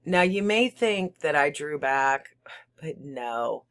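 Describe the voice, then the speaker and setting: Gothic horror monologue: mad, gleeful murderer, slow-paced, emphatic and theatrical, insistently claiming sanity. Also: mid-range voice, expressive, fairly bright tone, smooth. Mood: gloating, secretive. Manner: halting, theatrical, emphatic, breaking into whispers and chuckles. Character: unhinged murderer, insisting he is sane, gleefully confiding. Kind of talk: dramatic reading of a gothic horror story.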